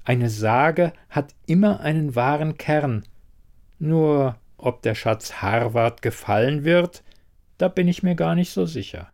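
A man voicing an old wise woman healer in a fantasy audiobook, speaking calmly and quietly. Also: fairly high pitch, gravelly, voice pushed up, exaggerated voice. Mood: musing. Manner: calm, quiet, measured.

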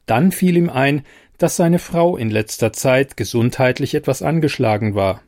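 Man reading a story, lively pitch. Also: normal speed. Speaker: narrator.

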